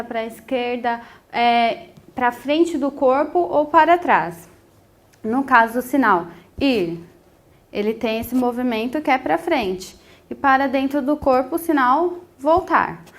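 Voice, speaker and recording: A woman teaching a sign language lesson, explaining each point patiently and filling pauses with short hesitations. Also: high voice. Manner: patient, explanatory, with frequent 'é' fillers.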